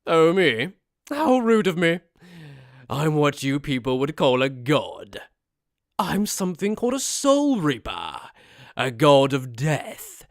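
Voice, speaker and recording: Smug aristocratic death god, highish voice, theatrical overacted anime dub, mocking, cruel, close dry sound. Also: male voice, huge pitch swings, slow, no echo, exaggerated voice. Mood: amused, condescending. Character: smug, sadistic aristocratic death god, amused, condescending man. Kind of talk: anime fan-dub character acting.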